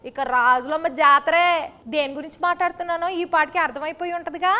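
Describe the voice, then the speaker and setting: A woman's voice: high-pitched, steady tone, fairly quick, bright, forceful tone. A woman host speaking in a Srikakulam Telugu dialect, chatty and teasing as she interviews her guests. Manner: chatty and teasing, with folksy slang. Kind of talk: playful talk-show interviewing.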